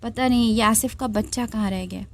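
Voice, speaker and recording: A proud, hot-tempered young woman, voiced by a woman reading a novel aloud, who snaps back indignantly. Her voice sits a little high. The reading is an audiobook of a romance story. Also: brisk, vocal fry, a little hiss or hum. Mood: exasperated. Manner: indignant, snapping.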